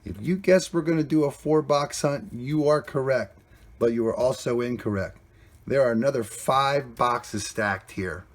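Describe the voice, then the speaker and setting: A man with a mid-pitched voice hosts a coin hunting vlog from indoors at home. He talks casually and plainly, cheerful as he walks through what he found. The sound is a simple camera mic recording. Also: a little slow. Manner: chatty, plainspoken, upbeat about finds. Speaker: coin roll hunting channel host.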